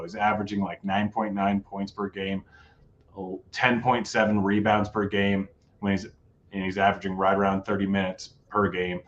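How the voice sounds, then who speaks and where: Hosting a casual sports betting show, a man talks through his picks in a laid-back way and rattles off odds. His lowish voice sounds a bit worn, as though he is losing it, and the audio has its highs cut off.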